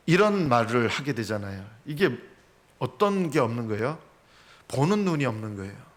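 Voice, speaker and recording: A man's voice: medium pitch, very animated, moderate pace. A man preaching a sermon as pastor. He asks rhetorical questions and acts out quotes. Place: church sanctuary.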